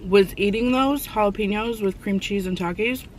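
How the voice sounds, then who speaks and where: A woman talks through a mouthful of food, her words muffled as she chews. She chats in a relaxed, easy way, telling small stories between bites. A faint hum of noise sits under her voice. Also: medium pitch, moderate pace. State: mouth full. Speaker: mukbang co-host. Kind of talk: casual chat while eating.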